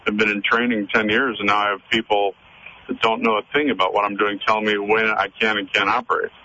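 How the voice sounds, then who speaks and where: Calling a radio program from his car as he drives, this man speaks fast in a low, bright, forceful voice with little pitch movement. Earnest, he hesitates frequently and leans on fillers, and the phone line is muffled with faint road noise behind him.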